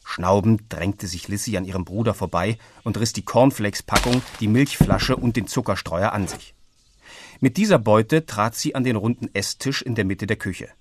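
A man's voice: lowish voice, normal speed, a little hiss or hum. Man reading a children's audiobook. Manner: lively, voices characters in dialogue. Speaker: narrator.

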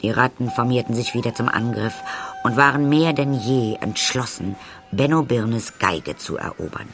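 Male storyteller, children's audiobook, gravelly, low, soft music behind. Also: normal speed. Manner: lively, addressing listeners directly.

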